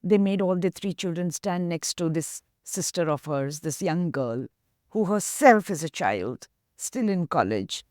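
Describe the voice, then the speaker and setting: A woman's voice: fairly low pitch, lively intonation, a little slow, darkish tone, no room sound, clean studio sound. A woman with an Indian English accent, an activist guest earnestly retelling a story in an interview and voicing its dialogue.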